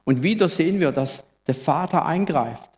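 Pastor preaching under long reverb. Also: male voice, fairly high pitch, expressive, normal speed, darkish tone. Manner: earnest, reflective, sometimes conversational. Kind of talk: Christmas sermon.

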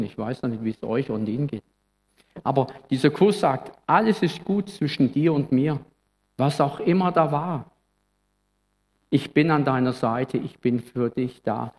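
A man's voice: medium pitch, darkish tone, big-room sound. A male pastor giving an earnest, reflective Christmas sermon in a church, at times speaking casually. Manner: earnest, reflective, sometimes conversational.

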